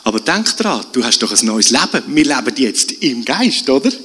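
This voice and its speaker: A man preaching a lively sermon, often tagging his sentences with a questioning "oder?". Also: mid-range voice, moderate pace, slightly rough. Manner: animated, keeps asking "oder?". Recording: long hall reverb.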